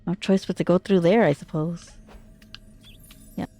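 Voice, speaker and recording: A woman's voice: lowish voice, steady tone, unhurried, mellow, soft background music. A woman streamer giving casual horror game commentary, full of jumpy reactions, exclamations and swearing.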